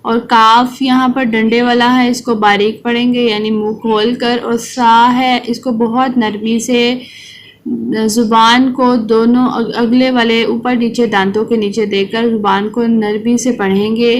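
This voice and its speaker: Higher-pitched woman teaching slow recitation. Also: little pitch movement, slight background noise, rough recording. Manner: slow, drawn-out recitation alternating with quick explanations. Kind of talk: children's tajweed lesson, recite-after-me.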